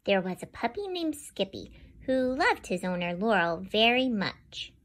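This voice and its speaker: A female host in a mid-range voice, going a bit slowly, reads a picture book to children. Her delivery is animated, aimed squarely at her young listeners.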